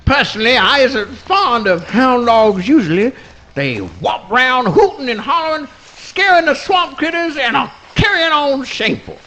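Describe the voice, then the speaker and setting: Radio comedy possum: rustic speech, plaintive, gentle-tempered, extremely high pitch, lively swoops. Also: male voice, a little slow, soft background music, full character voice, rough recording. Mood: weary, grumbling. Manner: folksy rustic dialect, plaintive. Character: good-natured, put-upon little male swamp possum. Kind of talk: live comic radio play reading.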